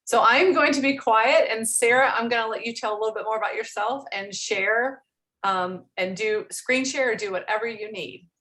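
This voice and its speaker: A woman's voice: on the high side, moderate pace, fairly bright tone, poor audio. A woman hosts an online team meeting, giving an informal welcome and introducing the speakers.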